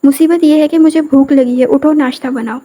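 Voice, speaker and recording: A rude, domineering young husband barks orders and mocks his new wife, as a woman narrator reads him in her own high voice. The tone stays mellow and soft-edged. He sounds commanding and scornful throughout this audio novel scene. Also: fairly even intonation, lightly acted. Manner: bossy, mocking, commanding.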